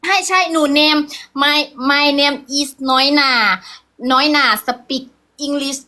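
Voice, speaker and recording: A woman's voice: sits high, flat delivery, very slow, pushed and bright, exaggerated voice. A young woman with an Isan (Northeastern Thai) accent playing a flustered village girl in a comedy sketch, who pleads and stumbles over English words. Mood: fumbling.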